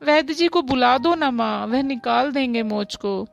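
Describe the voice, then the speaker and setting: A woman's voice: high-pitched, animated, unhurried, vocal fry, dull audio, full character voice. A woman doing an eager, stubborn young girl. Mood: pleading. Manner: eager, pleading, bubbly. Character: lively, stubborn teenage girl who loves the rain. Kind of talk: storybook voice acting.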